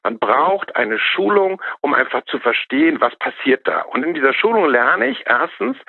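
A man's voice: mid-range voice, slightly rough, no echo. A middle-aged or older man, an expert guest, explaining things in an interview. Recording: tinny, narrow phone-like line.

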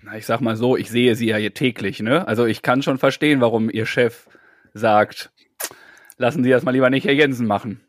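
A man's voice: mid-range voice, fairly quick, dry recording, pitched below the performer's own voice, natural voice. Man playing a mock-earnest phone caller, dry close sound. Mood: mock-polite. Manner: mock-polite, formal, hesitant. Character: mock-earnest male tenant and consumer hotline surveyor. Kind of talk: improvised comic phone role-play.

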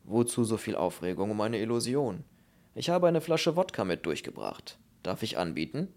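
A man voicing a polite Russian gentleman with a warm bass voice and a Russian accent. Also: normal speed. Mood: courteous. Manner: polite, calm, formal.

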